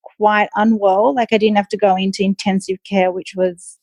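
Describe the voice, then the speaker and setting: A woman with an Australian accent speaks as a guest in a casual interview. She talks in a relaxed, easy way, often saying um and like. The sound is close and dry. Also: medium pitch, normal speed, dry recording. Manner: relaxed, frequent ums and likes. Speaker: guest, nutritionist.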